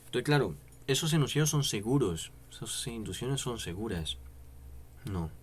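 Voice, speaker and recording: A philosophy YouTuber gives a casual, rambling explanatory lesson to camera, asking lots of tag questions and repeating "no" for emphasis. His mid-range voice is animated with a breathy edge, at a moderate pace.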